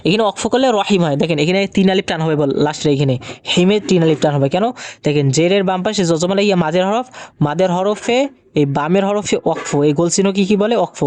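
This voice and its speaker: A man teaching Quran reading, patiently asking questions and answering them himself, and slowing to a drawn-out chant when he recites verses. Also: sits high, darkish tone, dry recording. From Bangladesh. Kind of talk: recorded Quran recitation lesson.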